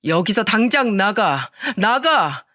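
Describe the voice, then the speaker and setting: A woman reading the part of a hot-tempered younger brother-in-law who scolds loudly, in a dry close recording. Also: medium pitch, very animated, slow pace, no echo. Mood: enraged. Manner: shouting, scolding, loud.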